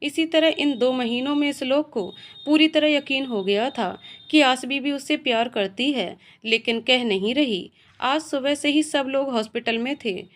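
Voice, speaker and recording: Higher-voiced woman narrating a story. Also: measured pace. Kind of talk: reading a romantic story aloud.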